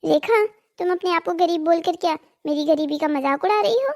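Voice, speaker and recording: A woman's voice: extremely high pitch, a little fast, darkish tone. A woman voicing a greedy, nagging village wife in a cartoon drama, scolding and pleading.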